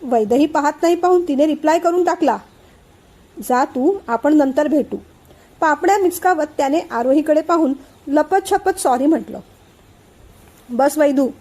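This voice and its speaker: Woman storyteller, high and mellow voice, reads a family novel and voices its characters. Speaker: story narrator. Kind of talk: scripted narration of a family novel, voicing all characters.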